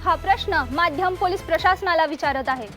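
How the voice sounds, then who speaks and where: An actress playing a pushy TV news reporter who fires off insistent questions. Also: female voice, extremely high pitch, over loud music. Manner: pushy, rapid-fire questioning.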